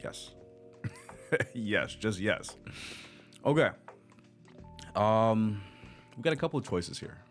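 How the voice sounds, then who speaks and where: A man's voice: lowish voice, animated, slow pace, pauses often, faint music behind. An American man hosting a reaction video, chatting in a laid-back way, laughing often and talking between bites of food. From United States. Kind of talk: casual reaction commentary. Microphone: desk microphone.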